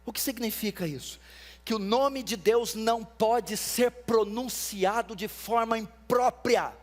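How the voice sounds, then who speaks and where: A man preaching a sermon as pastor, teaching with emphasis and repetition and rising to shouts at times. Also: high voice, unhurried, soft background music. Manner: emphatic teaching, rises to shouts, repeats for stress.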